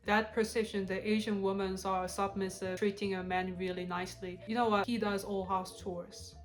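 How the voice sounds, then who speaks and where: A woman's voice: mid-range voice, little pitch movement, moderate pace, soft background music. A young adult woman from South Korea with a Korean accent, chatting bluntly in a couple's Q&A video. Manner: chatty, blunt, laughs often. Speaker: co-host of a couple channel. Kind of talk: casual Q&A chat.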